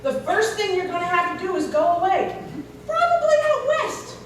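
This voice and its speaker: A frank, friendly comrade, acted by a woman in a stage comedy. The very high voice swings up and down and carries from far off through an echoing hall. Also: sing-song, normal speed, slight background noise. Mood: gentle advice.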